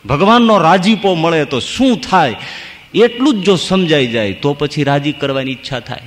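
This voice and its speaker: Monk preaching in reverberant hall. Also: male voice, on the high side, animated, normal speed. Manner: storytelling with folk verses and acted asides. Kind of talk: devotional sermon.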